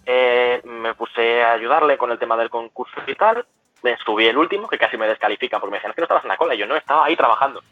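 A man's voice: medium pitch, quick pace, no room sound, phone-quality sound, soft background music. A young man, telling stories as a guest in a casual chat, with frequent restarts and self-corrections. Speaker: guest cosplayer. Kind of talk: casual storytelling.

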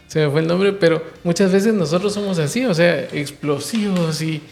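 Gravelly-voiced man co-hosting. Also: fairly high pitch, moderate pace, a little mellow, a little hiss or hum. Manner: explains with lists and asks "¿verdad?". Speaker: co-host.

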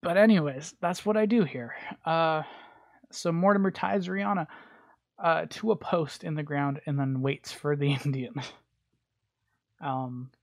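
A man's voice: fairly high pitch, measured pace, gravelly, pauses often. A man hosting a podcast alone, recapping a bad movie in a rambling, crude, joking way with lots of fillers. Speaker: podcast host. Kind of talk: casual solo movie recap.

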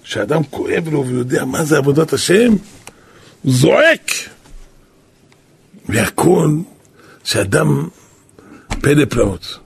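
A man who is a rabbi and kabbalist, giving a Torah sermon as a storyteller who breaks into shouts for emphasis. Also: on the high side, big pitch swings, gravelly, pauses often, husky.

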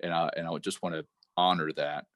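A male host with a very deep, low voice asks his guest rambling, casual questions and laughs off his own slips. The recording is dry and close, with almost no room sound. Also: level tone, quick pace, fairly bright tone, dry recording. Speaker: podcast host. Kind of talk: casual interview.

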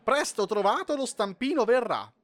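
A shrill penguin queen, put on by a man narrating, squawks in a high, piercing voice. Her sentences come out with the words back to front. She sounds haughty and self-important. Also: lively intonation, normal speed, a bit bright, no room sound. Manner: inverted syntax, shrill. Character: shrill queen penguin Artide, odd word order.

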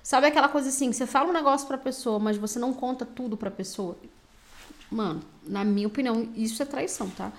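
A Brazilian woman with a high voice reads tarot cards aloud. She is blunt and direct, and she scolds and encourages the listener in casual slang. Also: quick pace. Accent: Brazilian Portuguese. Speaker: tarot reader. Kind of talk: intuitive tarot reading.

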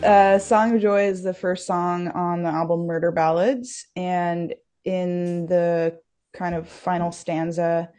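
Wry lower-voiced woman podcast co-host. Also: level tone, slow, warm tone. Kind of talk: casual pop-culture chat.

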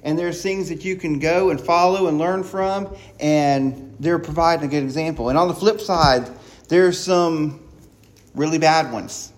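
A man preaching a sermon, excited and quick, with frequent restarts and repeated words. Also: a little high. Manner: excited, talking fast with many restarts.

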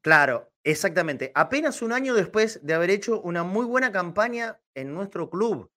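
An Argentine man giving animated, emphatic football talk as a pundit, repeating words to drive his points home. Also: sits high, moderate pace. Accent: Argentine Spanish.

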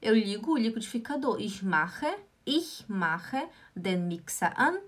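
A woman teaching German in a live online lesson, slowly repeating and drilling words. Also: mid-range voice, sing-song. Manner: slow, repetitive drilling of words.

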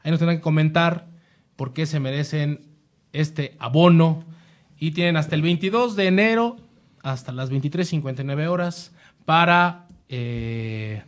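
A man's voice: a little high, unhurried. A man with a Mexican accent hosting a casual podcast, rambling with many fillers and restarts. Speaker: podcast host.

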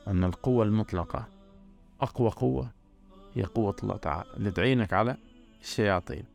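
A man with a gravelly, low voice gives an earnest religious talk. He drives his points home by repeating words. Faint music plays behind him. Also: fast talker, a little mellow. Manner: earnest, repetitive emphasis.

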